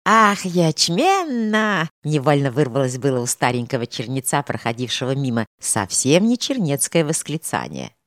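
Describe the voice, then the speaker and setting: A woman with a strikingly deep voice narrates a storybook with measured, expressive phrasing and a lively melodic line. The recording is dry and close. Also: no echo. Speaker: reader. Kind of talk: audiobook narration of a historical novel.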